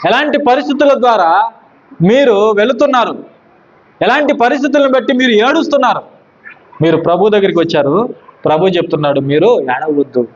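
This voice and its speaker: A man preaches a sermon in a high voice, recorded with a dull, lo-fi sound. He asks his listeners questions and answers them himself. He drops low and slow when he quotes scripture. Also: animated.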